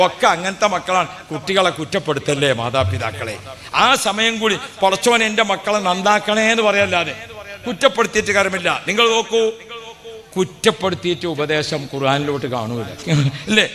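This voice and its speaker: A man preaching a humorous religious sermon, his voice high and bright. He hammers points home by repeating them and throwing questions at the crowd. The sound carries a long hall reverb. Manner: emphatic, repeats phrases, asks the audience questions. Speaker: Islamic preacher.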